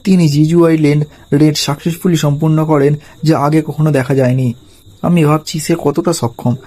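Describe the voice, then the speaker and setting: A shaken young woman with hidden power, as a male recap narrator reads her lines. The delivery stays flat and mellow, with little rise or fall. It sounds like a storybook reading rather than acted drama. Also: on the high side, moderate pace, lightly acted. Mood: calculating. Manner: flat, read-aloud delivery.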